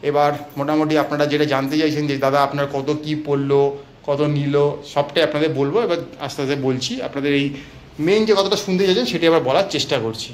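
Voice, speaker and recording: A man's voice: a little high, slight background noise. A man vlogging a walking tour of a guest house, chatting straight to viewers and listing each feature of the rooms. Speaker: travel vlogger. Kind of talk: walking hotel tour, casual chat to viewers.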